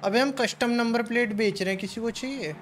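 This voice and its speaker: A man streaming a role-play game session, chatting and arguing in character, cursing freely and breaking into excited shouts. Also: very high voice, fairly quick, faint music behind. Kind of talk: casual in-character game chat.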